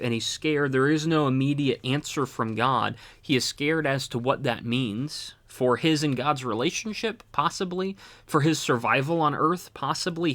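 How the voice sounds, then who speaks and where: A man talking through a Bible passage in an easygoing, conversational way, pausing to ask his listeners rhetorical questions. His voice sits in an ordinary middle register. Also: medium pitch, fairly bright tone. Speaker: Bible teacher. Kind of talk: casual Bible study talk.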